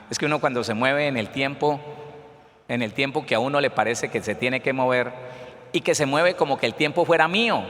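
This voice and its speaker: A man preaching a sermon with fervor, calling out to the congregation and rising to shouts at times. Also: mid-range voice, long reverb tail, slight background noise. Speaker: pastor.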